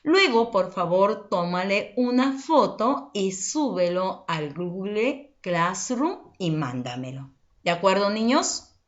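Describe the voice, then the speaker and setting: A woman's voice: mid-range voice, very animated, slow, muffled recording. A woman teaching an online class for children, patiently explaining and asking check-in questions.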